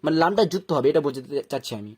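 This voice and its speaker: A man's voice: a little high, animated, racing, breathy edge. A man with a Bengali accent teaching Quran reading step by step, breaking words into syllables and often checking that learners follow. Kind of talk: step-by-step recitation lesson.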